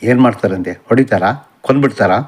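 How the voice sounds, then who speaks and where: A man's voice: lowish voice, brisk, breathy edge. A man reading as a defiant young student. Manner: bitter, confrontational. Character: angry defiant young male college student. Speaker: son.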